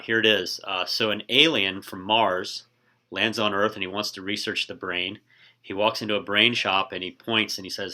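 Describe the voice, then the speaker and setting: A man teaching a recorded class in a relaxed way, often pausing with ums and uhs. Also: on the low side. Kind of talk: casual classroom lecture.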